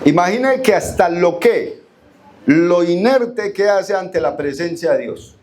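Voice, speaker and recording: In a church hall, with slight background noise, a Colombian-accented man preaches a Bible study in a high, expressive, darkish voice at a slightly slow pace. He questions the congregation and answers, and reads verses aloud while drawing out key words.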